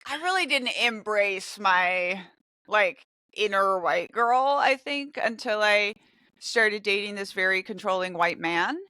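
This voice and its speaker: A woman who grew up in Brazil and Mexico hosts a casual podcast conversation, talking candidly and animatedly. Her voice is bright and forward, and the room sounds dry and close. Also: medium pitch, measured pace, clean tone, no room sound. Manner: candid, animated personal storytelling. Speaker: podcast host. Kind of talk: casual chat.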